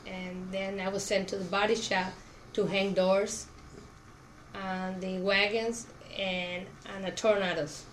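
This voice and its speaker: Speaking slowly in a level, mid-range voice, a middle-aged Cuban auto plant worker answers questions in Spanish as the interviewee in an oral history. The recording is rough and has clearly audible background noise.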